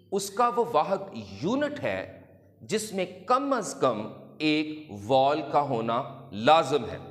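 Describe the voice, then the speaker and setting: A man teaching a lesson to children, explaining slowly and deliberately and drawing out example words. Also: on the high side, in a large hall. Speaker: English teacher.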